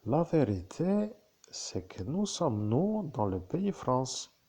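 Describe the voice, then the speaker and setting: A man gives a channeled spiritual talk in a dark, husky voice, his pitch rising and falling widely. He speaks slowly in halting, repetitive phrases, and the recording sounds dull and lo-fi. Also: sing-song. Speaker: medium.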